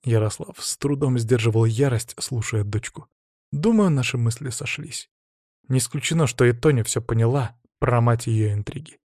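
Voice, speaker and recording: A man's voice: mid-range voice, normal speed, darkish tone, dry recording. Man reading a novel aloud, dry sound. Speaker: audiobook reader. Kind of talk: scripted narration.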